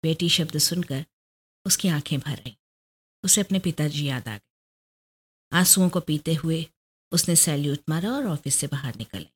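A woman narrating a story aloud in a steady, measured way. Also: low voice, slightly rough.

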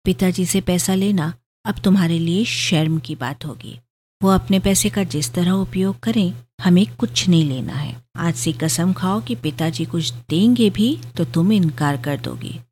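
A fond young husband, calm and reasoning as he gently lectures, read by a woman narrator in her own lowish voice. Steady and affectionate, a storybook figure. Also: unhurried, breathy edge.

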